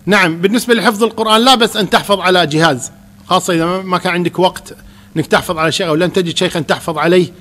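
A man, a Quran teacher calmly answering questions in a religious lesson. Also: high-pitched.

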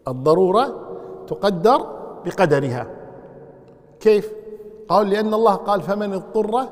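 High-voiced man teaching in a reverberant hall. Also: darkish tone. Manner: explanatory, repeats key phrases slowly. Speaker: Islamic scholar. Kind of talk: Quran commentary lesson.

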